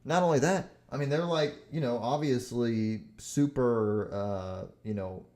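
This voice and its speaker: A man's voice: mid-range voice, measured pace, dark tone. A young man hosting a solo podcast, rambling with many fillers, swearing and getting heated as he talks. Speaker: podcast host.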